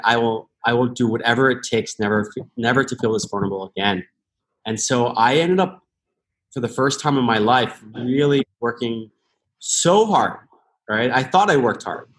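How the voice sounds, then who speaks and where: An American man in his thirties, a podcast guest, talking earnestly and thoughtfully, often restarting his sentences. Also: mid-range voice. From United States. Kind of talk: reflective interview talk.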